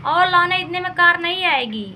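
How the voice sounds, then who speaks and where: A woman voicing a stubborn young village daughter who whines and insists, in a high, bright voice. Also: animated, moderate pace, slight background noise, exaggerated voice. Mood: whiny. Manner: whiny, insistent. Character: little village girl, stubborn and demanding.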